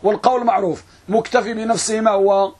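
Male grammar teacher, lesson delivery, high husky voice, slow drawn-out recitation, stops to quiz the room. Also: fairly even intonation, darkish tone. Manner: recites verses slowly, questions students. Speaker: Islamic scholar teaching grammar. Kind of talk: classroom lesson on Arabic grammar.

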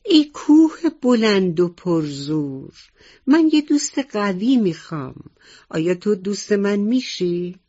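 A woman's voice: low-pitched, very animated, darkish tone, slightly rough, highs cut off, exaggerated voice. A woman voicing a curious little boy mouse who asks earnest questions.

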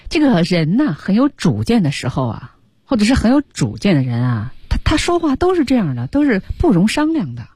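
A woman's voice: medium pitch, wildly swooping pitch, fairly quick, a little mellow, husky, no room sound, clean studio sound. A woman co-hosting a radio English lesson, chiming in and finishing her partner's points. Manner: chimes in, finishes the co-host's points. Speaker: radio co-host. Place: radio studio.

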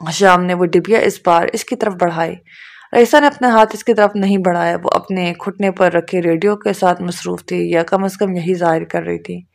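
A woman narrating a novel as an audiobook, in an even, measured storytelling manner. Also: lowish voice, gravelly.

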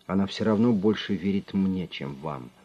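A man voicing a calm, grim male detective who speaks in a measured, menacing way, on a slightly muffled recording. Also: deep voice, husky.

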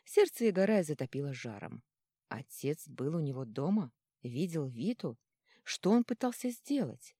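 A woman narrating an audiobook in an expressive, dramatic reading style. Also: low voice, moderate pace, slightly rough, dry recording, studio quality.

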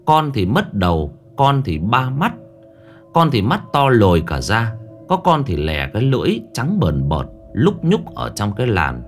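A man narrating a ghost story in a lively, dramatic storytelling manner. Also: medium pitch, measured pace. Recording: faint background music.

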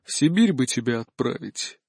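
A man voicing a tired old emperor who speaks quietly and wearily. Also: medium pitch, animated, moderate pace, vocal fry, husky, dry recording, clean studio sound, voice pushed down. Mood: weary.

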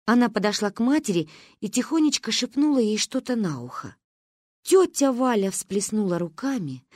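Animated woman audiobook narrator. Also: medium pitch, dry recording, studio quality. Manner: animated, storytelling as a little girl. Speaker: audiobook reader.

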